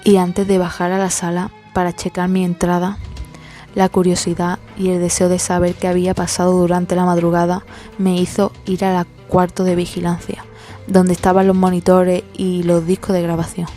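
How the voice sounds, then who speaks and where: A woman reading a first-person horror story aloud, slow and measured, with hesitant pauses. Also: on the low side, monotone, warm tone, soft background music.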